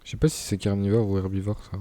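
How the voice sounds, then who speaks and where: A man's voice: fairly low pitch, level tone, fast talker, dark tone, no echo. A young man commenting casually on his gameplay, chatty, laughing and tripping over words. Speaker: gaming YouTuber.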